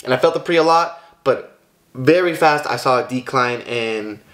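A man's voice: mid-range voice, moderate pace, a bit bright. A man in his twenties talking casually to a handheld camera, hyped and slangy, swearing freely about workouts. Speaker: fitness vlogger. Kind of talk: casual vlog talk. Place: car, gym and home.

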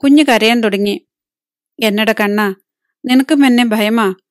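A woman's voice: mid-range voice, no echo. Woman narrating a novel, dry close sound. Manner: even storytelling read, voicing characters' lines within narration. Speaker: audiobook narrator.

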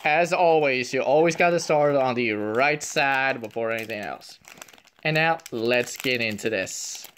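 At a table indoors, a man records himself on his phone opening trading card packs for his unboxing channel, softly half whispering the card names and his reactions. His mid-range voice is unhurried, with a little hiss or hum on the recording.

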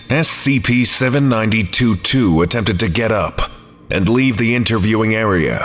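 A man reading an archive file as scripted narration, measured and documentary. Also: fairly low pitch, a bit bright, long reverb tail.

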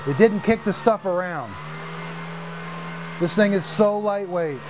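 This high-sitting, unhurried man's voice comes over a noisy background. In his fifties, he demonstrates cleaning gear for a live stream in a home studio room with vacuum-filled shelves, talking enthusiastically, repeating words as he goes, and losing his voice.

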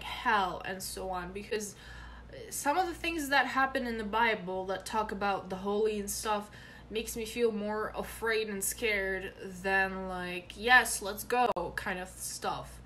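A young woman, a vlogger whose first language is Ukrainian, chats casually to her phone camera held close up in a small bedroom, rambling with many fillers. Her medium-pitched voice has a fairly bright tone, and there's a little hiss or hum.

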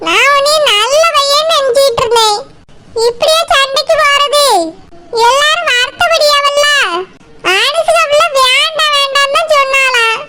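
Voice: very high-pitched, moderate pace, pushed and bright. A performer voicing an older village aunt who lectures her nephew, in a Tirunelveli accent. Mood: scolding. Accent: Tirunelveli Tamil. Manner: scolding, lecturing.

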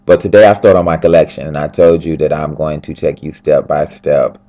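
A fashion designer, tired and just awake, rambles cheerfully while filming a casual video diary on a handheld flip camera as he lies in bed at home. His voice is a low rumble with a dark tone, fairly quick delivery, and mostly even intonation, and the recording sounds muffled.

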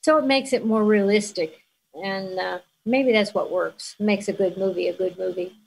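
A woman's voice: medium pitch, moderate pace, creaky, husky, low-quality recording. Older woman guest, chatty storyteller who laughs a lot. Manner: warm storyteller, laughs often. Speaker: interview guest. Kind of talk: reminiscing conversation.

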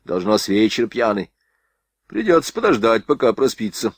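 Male narrator as composed captain, measured orders, dry sound. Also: lowish voice, sing-song, no echo. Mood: commanding.

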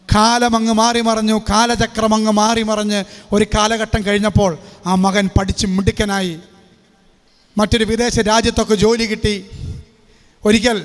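A man preaching an impassioned convention sermon, telling a story and acting out its dialogue, with shouted hallelujahs. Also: high-pitched. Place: large retreat centre hall. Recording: long hall reverb.

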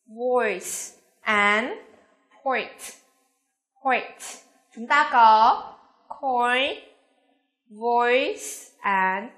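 A young woman with a Vietnamese accent teaching English pronunciation, coaxing and slowly repeating each word with frequent check questions. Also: a little high, pushed and bright, echoey room. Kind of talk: classroom pronunciation lesson.

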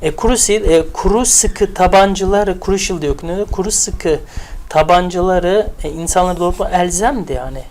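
A woman's voice: on the low side, moderate pace, darkish tone. A woman teaching English vocabulary in a casual, chatty way, repeating words and building memory tricks. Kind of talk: casual spoken lesson.

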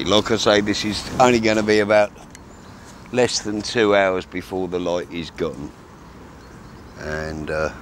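A man's voice: deep voice, fairly bright tone, a little hiss or hum. A man, talking casually to camera while fishing from a riverbank, rambling with fillers and restarts. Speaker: fishing vlogger. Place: outdoors on a grassy riverbank by calm water. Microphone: camera mic from a few metres away, speaker often turned aside.

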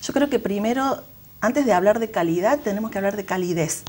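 A woman's voice: medium pitch, expressive, a little fast, darkish tone, a little hiss or hum. A woman with an Argentine accent, a school director, giving thoughtful interview answers full of fillers and restarts. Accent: Argentine Spanish.

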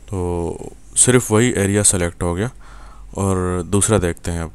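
This screen-recorded software tutorial features a young Pakistani instructor with an Urdu accent and a very low, resonant, smooth voice. Working at his desk, he explains each step patiently, pauses on filler words, and checks in with the viewer.

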